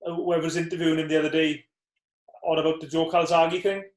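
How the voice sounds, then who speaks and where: Man, ex-boxer co-host, thoughtful and reminiscing, slightly high voice, roomy echo. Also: little pitch movement, quick pace. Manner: thoughtful, recalls memories. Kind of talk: casual chat.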